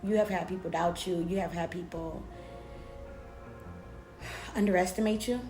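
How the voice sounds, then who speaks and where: A woman's voice: fairly low pitch, fairly even intonation, normal speed. A woman giving an informal, conversational motivational talk, emphatic and preacher-like, repeating phrases to encourage her listeners. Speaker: motivational speaker. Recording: roomy echo with music behind. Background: music.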